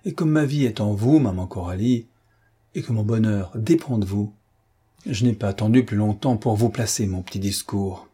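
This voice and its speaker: A man's voice: fairly low pitch, mellow, slightly rough. A man reading the lines of a cheerful, bold wounded young army captain, familiar yet respectful.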